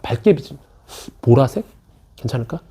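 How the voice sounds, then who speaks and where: A middle-aged man teaches math in an academy classroom, keeping the lecture casual and joking with students between explanations. His mid-range voice is expressive, mellow and slightly rough, at normal speed.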